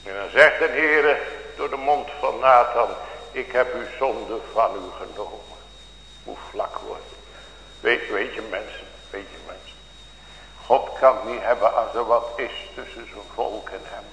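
A man's voice: medium pitch, measured pace, sharp tone. A male pastor preaching a sermon to his congregation with fervent, old-fashioned biblical phrasing. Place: church. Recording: echoey church hall with faint hum.

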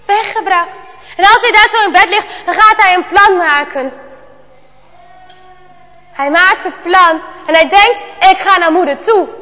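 A woman telling a story to children, dramatic, with loud exclamations and hushed passages. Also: extremely high pitch, measured pace, pauses often. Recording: long hall reverb.

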